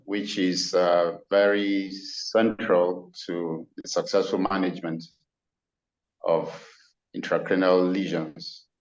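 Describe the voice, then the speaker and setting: Nigerian host opening the webinar, really deep voice, flat, muffled audio. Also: male voice. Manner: slow, formal, ceremonious. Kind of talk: formal opening introduction.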